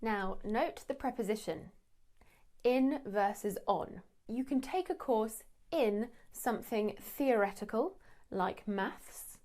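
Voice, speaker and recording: A young woman, giving a measured, clearly explained lesson. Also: on the high side, expressive, darkish tone. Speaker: English teacher. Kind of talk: scripted English lesson.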